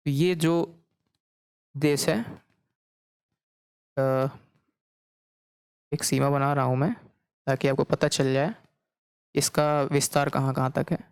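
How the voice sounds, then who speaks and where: A man's voice: medium pitch, smooth, no echo, clean studio sound. A man teaching geography in a recorded lecture, checking in often and repeating each point back as a question. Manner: repeats key points as quiz questions, frequent "okay" checks.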